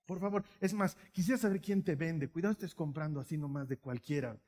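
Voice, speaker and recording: A man voicing a lax, easygoing mother who talks softly and coaxingly. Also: on the high side, brisk, voice pushed down, lightly acted. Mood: indulgent. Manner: soft, coaxing. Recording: echoey hall.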